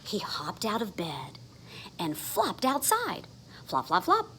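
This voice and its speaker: This storybook reader has a mid-range, fairly bright voice that swings hugely in pitch as she reads slowly. Her animated children's read-aloud leans hard on the sound words, with slight background noise behind her.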